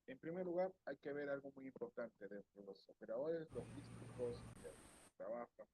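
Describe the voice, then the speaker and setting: A man's voice: mid-range voice, lively intonation, normal speed, background noise. A man from Peru, lecturing on customs logistics over a video call. His audio comes through faint, distant and breaking up on a bad connection. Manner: explanatory, with many hedging fillers. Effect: faint, distant, choppy video-call audio. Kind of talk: online lecture. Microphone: computer or headset mic on a video call. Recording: muffled, faraway call audio.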